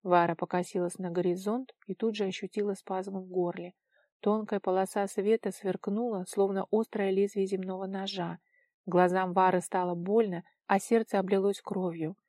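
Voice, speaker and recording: A woman reading a fantasy story aloud, measured and expressive. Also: medium pitch, no room sound, studio quality. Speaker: audiobook narrator. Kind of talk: scripted fantasy narration.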